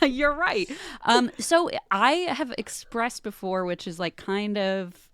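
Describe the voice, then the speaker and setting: A woman's voice: medium pitch, takes it slowly, smooth, no room sound. A woman guest on a podcast, telling stories in casual chat and acting out the lines she quotes. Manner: animated storyteller, acts out quotes.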